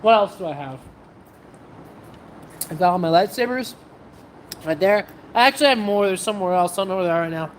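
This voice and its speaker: Woman streamer, casual and rambling, mid-pitched voice, faint background noise. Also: lively intonation, fairly quick, long pauses. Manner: chatty, scattered, self-interrupting. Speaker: livestream host and sword practitioner. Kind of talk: casual livestream chat with viewers.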